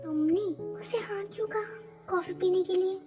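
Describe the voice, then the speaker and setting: A woman's voice: extremely high pitch, moderate pace. A young reader voicing a hot-tempered teenage schoolgirl who scolds sharply, over background music. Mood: angry. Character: fiery teenage schoolgirl, quick to anger. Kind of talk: fan story voice acting. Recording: music playing behind.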